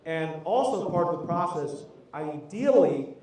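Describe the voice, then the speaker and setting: A man's voice: on the high side, animated, a little slow, darkish tone, distant mic. A man hosting a live event, talking to the audience in an upbeat, encouraging way. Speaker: event host. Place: office event space with audience. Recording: echoey room, away from the mic.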